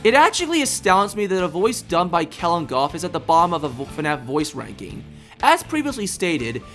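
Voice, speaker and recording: A man's voice: high voice, fairly bright tone. A man hosting a video, delivering scripted review commentary.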